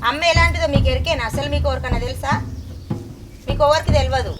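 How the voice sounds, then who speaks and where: A woman's voice: high-pitched, fast, natural voice. An actress playing a protective, indignant village woman with a Telangana Telugu accent. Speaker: village woman defending an old maid. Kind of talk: village short film acting. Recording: loud music behind.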